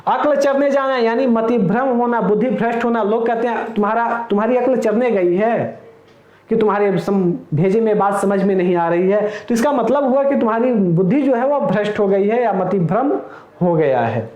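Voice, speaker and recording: A man's voice: high-pitched, animated, normal speed, darkish tone, reverberant, dull audio. A man teaching an exam-prep lesson, explaining each idiom with everyday example sentences and calling his viewers friends. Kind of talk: recorded lecture.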